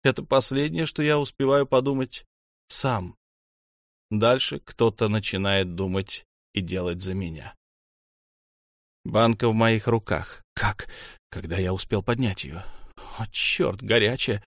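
A man's voice: fairly low pitch, unhurried, no room sound. Man narrating a novel, tense and dry. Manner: tense, urgent. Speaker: audiobook narrator. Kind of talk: first-person novel narration.

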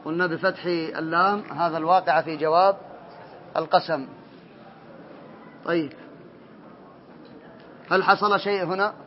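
High-voiced man teaching grammar to a class. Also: fairly even intonation, a little slow, long pauses, a little hiss or hum. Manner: drills students, calls on them by name and corrects them. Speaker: teacher of Arabic morphology. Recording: dull lo-fi classroom recording.

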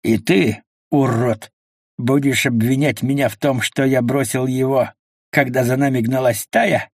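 Give me a man doing a scheming coward fisherman posing as a hero, gravelly and dry. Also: medium pitch, steady tone, unhurried, no room sound. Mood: scornful. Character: cowardly scheming male fisherman, grandstanding traitor.

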